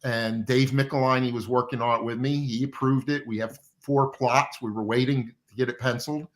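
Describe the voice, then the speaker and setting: A middle-aged or older comic book artist, guesting in a casual interview, reminisces about his working life through rambling anecdotes. His voice is medium-pitched with fairly even intonation, and he talks a little fast.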